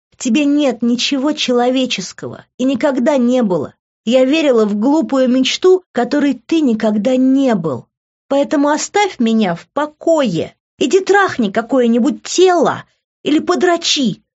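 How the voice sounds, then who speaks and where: A woman's voice: lively intonation, slow pace, muffled recording. Woman voicing a furious young heroine. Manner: shouting, high and strained.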